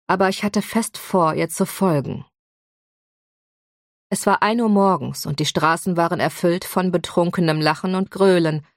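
A woman narrates a first-person audiobook in an even, measured storytelling voice that sits low. The recording is dry and close, with no room sound.

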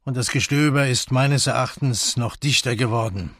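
A man playing a gruff old major. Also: mid-range voice, moderate pace, fairly bright tone, no echo, studio quality. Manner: terse, gruff. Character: older retired army major, gruff and terse.

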